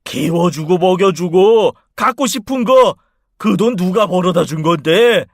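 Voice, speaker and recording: A man's voice: high-pitched, lively intonation, measured pace, dry recording, clean studio sound, exaggerated voice. A man playing a hot-tempered, bullying aging father in a radio drama, snapping out harsh, scornful outbursts. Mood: furious.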